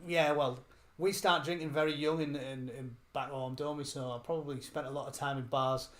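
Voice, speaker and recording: A man's voice: on the high side, steady tone, brisk, a bit bright. A man chatting as an interview guest, talkative and cheerfully foul-mouthed. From England. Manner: chatty, swearing, self-described gobshite. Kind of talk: casual interview chat.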